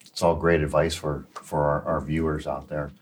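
A man hosting an interview show in a conversational, slightly halting way, repeating words as he goes. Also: rumbling low, flat delivery, slight background noise. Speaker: show host.

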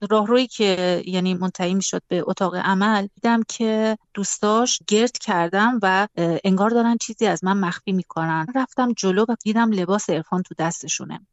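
A middle-aged woman from Iran, giving a personal account in a radio interview with a halting, measured delivery and frequent hesitations. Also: medium pitch, no echo. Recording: muffled lo-fi radio recording.

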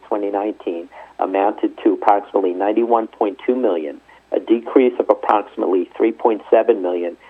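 Heard on a muffled, narrow conference call, a man with a fairly low, slightly rough voice reads out a prepared financial report. As an executive, he goes through the numbers in a formal, methodical way.

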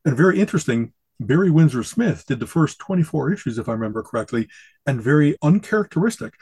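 A man's voice: a little high, animated, quick pace, darkish tone, slightly rough, dry recording. A man co-hosting a podcast in casual chat, enthusiastic and rambling, quoting catchphrases with relish. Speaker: podcast co-host.

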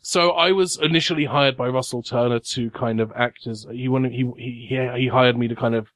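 A man's voice: medium pitch, steady tone, a little fast, fairly bright tone, dry recording, lightly acted. Man doing a jittery, stammering detective. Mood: anxious. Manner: stammering, apologetic. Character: nervous flustered male detective character.

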